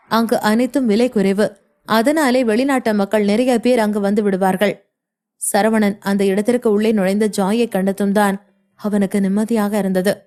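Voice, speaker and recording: A woman narrating a novel in a steady storytelling manner. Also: mid-range voice. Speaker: audiobook narrator. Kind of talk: scripted narration.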